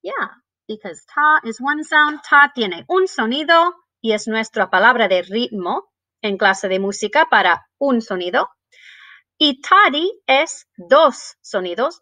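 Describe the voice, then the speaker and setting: A woman teaching a bilingual music lesson to young children, switching between English and Spanish and speaking slowly and clearly. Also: fairly high pitch, bright, forceful tone, no echo. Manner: sings and chants rhythm words.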